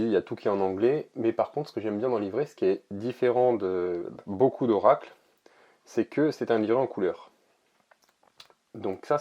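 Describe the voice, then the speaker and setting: A man casually showing an oracle card deck, talking in a relaxed, hesitant way with many pauses and fillers. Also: fairly low pitch, highs cut off. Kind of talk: casual product presentation to camera.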